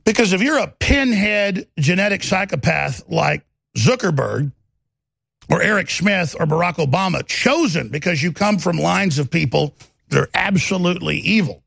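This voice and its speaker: A man with a Texas twang and a gravelly voice delivers impassioned political commentary as a talk show host might, confidently and aggressively, with emphasis and a pile-up of lists and rhetorical questions. His voice is high-pitched and a bit bright, with lively intonation and a moderate pace. There's no room sound.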